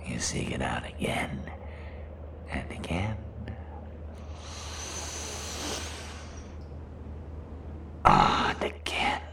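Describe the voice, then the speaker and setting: A predatory shapeshifting cave creature, voiced by a man, purrs its taunts in a very deep, gravelly whisper. It drags each word out slowly and savors the menace. An audio roleplay. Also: very animated, full character voice. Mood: sultry menace.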